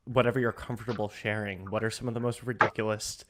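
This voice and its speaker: A man co-hosting a talk show, teasing the guests and cutting in with quick questions over a video call. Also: on the low side, fairly even intonation, heavy background noise. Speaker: podcast co-host. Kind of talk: casual chat.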